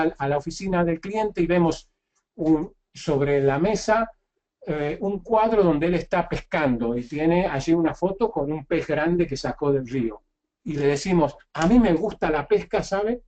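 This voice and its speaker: Man teaching a sales lesson, frequent pauses. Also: a little high, dark tone. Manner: explanatory, many restarts, frequent "¿sí?" checks. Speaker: sales trainer. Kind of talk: spoken lesson on sales technique.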